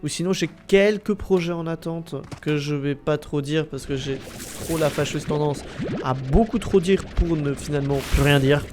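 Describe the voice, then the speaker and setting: Dude w a stuffed up nose doing sweary lets play chat, kinda high voice, some noise behind him. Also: male voice, normal speed. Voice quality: stuffy, blocked-nose nasal sound. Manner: slangy, sweary, exclamatory. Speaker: gaming video host. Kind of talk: casual gameplay commentary to viewers.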